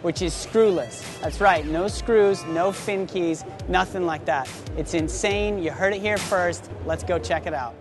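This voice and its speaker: A man's voice: high voice, a little slow, hardly any pauses, music in the background. A young man in his twenties hosting an enthusiastic, salesy product demo at a busy indoor expo booth, talking close to the camera. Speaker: surf shop host. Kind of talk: trade show product demo.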